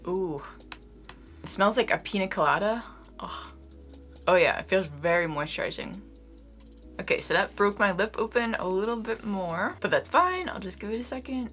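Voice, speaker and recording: A young woman giving a casual beauty product review. She is slightly hoarse and talks to her viewers in a chatty way, often using "like" as a filler. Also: medium pitch, lively intonation, normal speed, a bit bright, faint music behind. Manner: chatty, addresses viewers as "you guys", frequent "like" fillers. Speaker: beauty vlogger.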